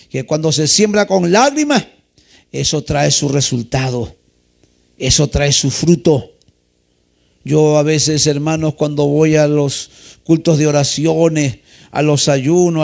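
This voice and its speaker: A man's voice: sits high, creaky, darkish tone. A male pastor preaching a sermon, asking questions of the congregation and dropping frequent hallelujahs. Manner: preaching with frequent "aleluya" and call-and-response questions.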